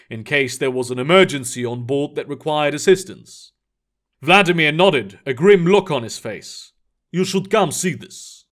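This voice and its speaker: Male narrator, audiobook reading, lively intonation, slightly high voice.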